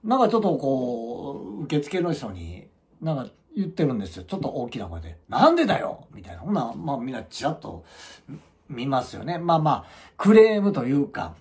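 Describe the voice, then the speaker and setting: A middle-aged man from tells a story in a lively, swooping voice with a gravelly edge. He talks as a channel host and acts out the people he describes. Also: mid-range voice, a little fast. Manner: animated, acts out quoted voices. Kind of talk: casual storytelling monologue.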